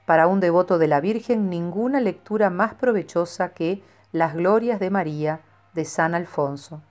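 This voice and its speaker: This is a scripted devotional reading about the life of a saint, narrated by a woman. Her voice sits a little low, and her delivery stays calm and measured.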